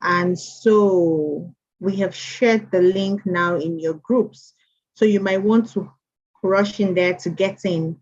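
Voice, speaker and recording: Through dull, lo-fi stream audio, a woman with a lowish, darkish, slightly breathy voice hosts an online mentorship session. She's chatty, reading attendees' names aloud and repeating her welcomes.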